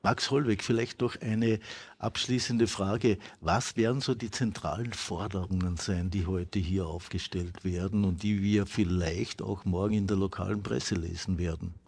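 Gravelly, husky male radio host. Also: sits low, fairly even intonation, moderate pace, darkish tone. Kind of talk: radio interview.

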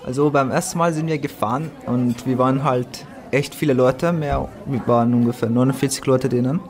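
Brief: a teen doing a polite newcomer boy, hesitant, halting German, school play. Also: medium pitch, steady tone, darkish tone, natural voice. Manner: slow, simple, hesitant German with fillers. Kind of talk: amateur school drama.

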